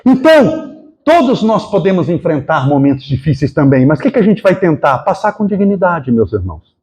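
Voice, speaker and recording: A Brazilian man preaching to a spiritist gathering, his voice sitting high and swooping up and down as he tells a story. He acts out the people in it and keeps asking his listeners to agree with him. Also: moderate pace. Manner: storytelling, animated, acts out quotes, asks the audience. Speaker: spiritist lecturer. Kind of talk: sermon.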